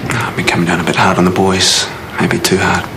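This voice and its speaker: Deep-voiced, troubled Kiwi father figure. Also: little pitch movement, brisk, vocal fry. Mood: weary, guilty. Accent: New Zealand. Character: troubled, guilt-laden father figure, gruffly caring. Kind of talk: naturalistic TV soap acting. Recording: noisy TV soap scene.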